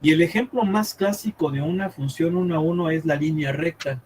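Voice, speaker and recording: A man teaching a math class live, thinking aloud as he draws on the board and checking often with quick questions whether the students follow. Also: on the high side, a little mellow, slight background noise, poor audio.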